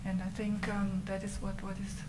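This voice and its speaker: A woman panelist answering at a conference, halting and searching for words. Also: mid-range voice, completely flat delivery, noisy background. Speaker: panelist researcher. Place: conference auditorium, seated at panel table. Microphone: table microphone.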